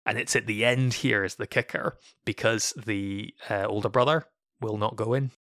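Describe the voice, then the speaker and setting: A man's voice: lowish voice, steady tone, moderate pace, a bit bright, dry recording, studio quality. A man co-hosting a podcast, explaining a Bible story in a reflective, casual way. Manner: reflective, explanatory, acts out quoted voices. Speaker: podcast co-host.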